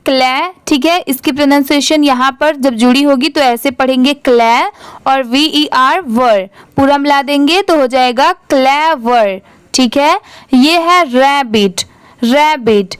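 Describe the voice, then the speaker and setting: A young woman teaching English reading, spelling words out letter by letter and repeating each one slowly. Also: high-pitched, no echo. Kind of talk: slow spelling-out lesson in Hindi.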